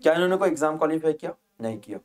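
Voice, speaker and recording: A man gives students a motivational lecture in a high, light voice. He keeps asking rhetorical questions and calls his listeners friends and children, switching into English phrases as he goes. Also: animated, very fast. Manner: casual speech mixed with English phrases. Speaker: exam coaching teacher.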